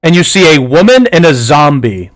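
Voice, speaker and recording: A man narrating a tabletop game as game master, lively and halting with fillers. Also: a little high.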